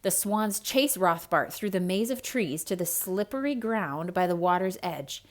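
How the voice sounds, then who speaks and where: Her voice is on the low side and unhurried as she gives a theatrical, expressive storybook reading for children, dropping into quiet asides to them along the way.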